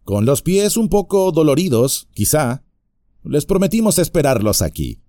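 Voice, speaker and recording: A man's voice: a little high, sing-song, measured pace, warm tone, no echo, pitched above the performer's own voice. A man voicing a bold, defiant young hobbit in an audiobook. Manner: defiant, cocky.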